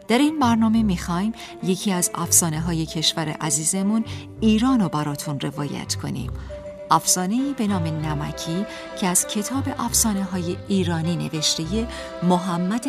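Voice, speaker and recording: A woman narrating a folk tale for a radio program, in a lively storyteller's manner. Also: lowish voice.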